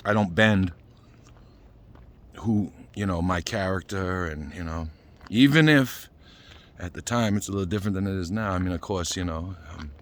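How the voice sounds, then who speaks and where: A Boston man in his fifties, with a Boston accent, rambles casually in a talking-head vlog, leaning on "you know" and a little winded after a run. His low voice moves at a moderate pace with long pauses, and there's slight background noise.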